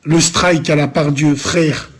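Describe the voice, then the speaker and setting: A man's voice: on the high side, fairly even intonation, slow. A man from Lyon, France, streaming live, answering viewers in a loose, rambling, teasing way full of street slang. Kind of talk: casual live-stream chat.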